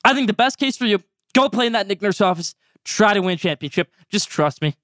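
A fifteen-year-old boy hosting his own sports podcast, talking energetically and stretching out segment names when excited. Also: high voice, a little fast, no room sound, studio quality. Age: teens. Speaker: podcast host. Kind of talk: solo sports podcast commentary.

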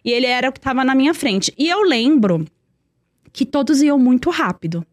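A woman's voice: high-pitched, expressive, normal speed, dry recording, studio quality. A young woman telling a personal story in earnest, repeating words for emphasis. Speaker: guest.

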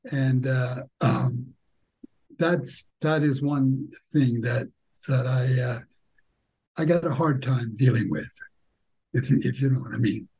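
Husky, halting older man. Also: medium pitch, a little mellow, rough recording. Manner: halting, repetitive, searching for words. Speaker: interviewee telling family war history. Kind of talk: spoken historical recollection.

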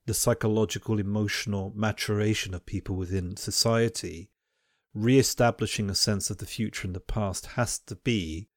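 Clean studio audio with no echo captures a man with a lowish voice. A university teacher and podcast host, he discusses things reflectively and conversationally, in an academic, thoughtful style marked by frequent restarts of his phrases.

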